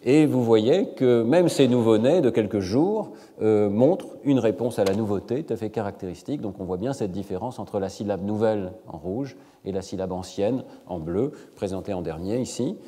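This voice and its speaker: A middle-aged man giving an academic lecture in a measured way, hesitating often with fillers. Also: fairly low pitch, expressive, mellow, big-room sound. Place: large lecture hall.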